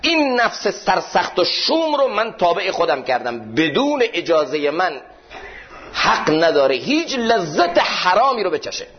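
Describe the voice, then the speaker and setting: A man's voice: high voice, sing-song, pitched above the performer's own voice. A man voicing a firm old Sufi master. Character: calm older male Sufi master rebuking a vizier. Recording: dull muffled recording.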